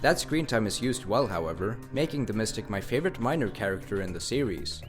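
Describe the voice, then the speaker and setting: A man's voice: lowish voice, animated, a little fast, music in the background. A man narrating a scripted countdown of favorite video game characters, enthusiastic with casual slang.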